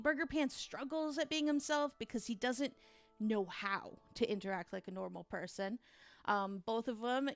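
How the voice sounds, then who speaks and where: A woman ranting casually through a fan theory, rambling and animated, with emphatic asides and casual swearing. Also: mid-range voice, no echo. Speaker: video game fan theorist.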